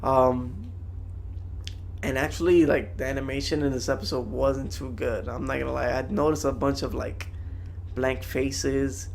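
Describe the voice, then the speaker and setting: A man's voice: medium pitch, steady tone, a little slow, vocal fry, darkish tone, a little hiss or hum. A young man giving a casual, slangy, rambling anime review to viewers.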